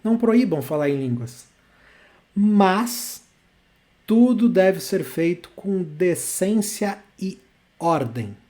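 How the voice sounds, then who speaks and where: High-voiced man teaching a Bible class. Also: lively intonation, slow pace, warm tone. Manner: emphatic, repeats key points. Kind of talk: church Bible lesson.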